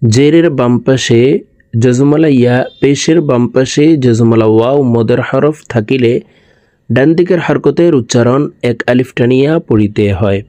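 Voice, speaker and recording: A man teaching Quran reading in a recorded lesson. He recites letter combinations slowly and drawn-out, then explains the rules quickly in between. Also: medium pitch, mellow, dry recording.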